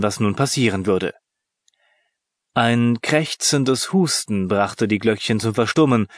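A man reads a children's story aloud in an expressive, measured way. His voice is mid-pitched and the sound is close and dry, with no room around it. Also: dry recording. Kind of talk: scripted narration.

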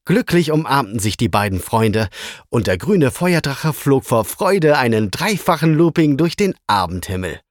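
Lively male children's story reader. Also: medium pitch, normal speed, no room sound, studio quality. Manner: lively expressive reading.

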